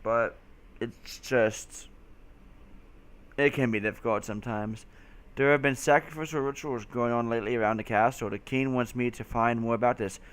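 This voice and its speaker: A young man playing a game with a friend, swearing often and breaking into excitable laughing outbursts. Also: mid-range voice, moderate pace, clear, resonant tone. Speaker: gamer playing and co-hosting. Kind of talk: casual let's play banter.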